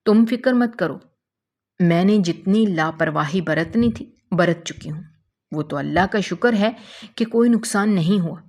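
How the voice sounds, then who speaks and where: A woman's voice: lowish voice, a little mellow. A woman voicing a loving, protective middle-aged mother who speaks tenderly and reassuringly.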